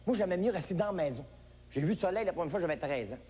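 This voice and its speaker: Lively Québécois man telling a comic tale. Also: rapid-fire, long reverb tail. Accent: Québécois French. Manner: storytelling, acts out characters with high yelps. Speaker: stand-up comedian. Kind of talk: comic monologue.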